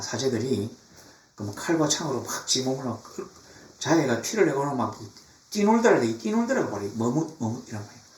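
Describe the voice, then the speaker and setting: A middle-aged man preaching a sermon as pastor, animated, now and then mimicking mocking tones. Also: mid-range voice, slight background noise. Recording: echoey church from far off.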